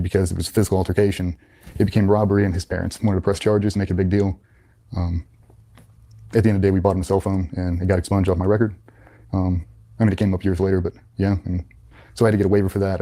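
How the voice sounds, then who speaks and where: A man with a low, mellow voice rattles through his story at a quick clip. He sounds blunt and matter-of-fact, a former Navy SEAL recounting his past as an interview guest. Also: little pitch movement. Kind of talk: casual storytelling.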